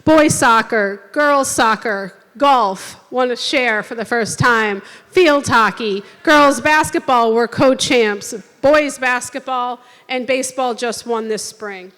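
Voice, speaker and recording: A high-voiced woman hosts a school sports awards night, announcing champions and honors in an upbeat way. Her voice rings out through a big echoing hall. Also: slow pace, hardly any pauses, fairly bright tone. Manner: upbeat, announcing lists with fillers. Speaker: athletic director hosting awards night. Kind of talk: speaking at a podium to an audience. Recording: reverberant hall.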